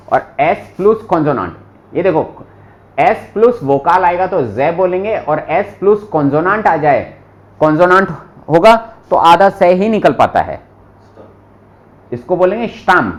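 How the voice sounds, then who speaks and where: Male teacher, slightly high voice, slow patient classroom delivery. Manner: slow, patient, repeats words aloud for students; asks students questions directly. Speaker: German teacher. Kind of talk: live classroom lesson.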